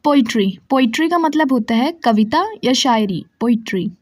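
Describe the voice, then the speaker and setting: A woman teaching English vocabulary, saying each word and its meaning slowly and repeating both. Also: on the high side, expressive, no room sound, clean studio sound. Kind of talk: slow word-by-word vocabulary drill.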